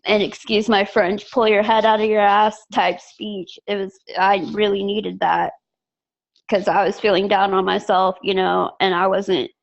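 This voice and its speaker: A woman's voice: medium pitch, flat delivery, a little slow, gravelly. A young woman on a video call, speaking in an emotional, casual way with lots of filler words. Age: young adult. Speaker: team member. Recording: muffled lo-fi call audio.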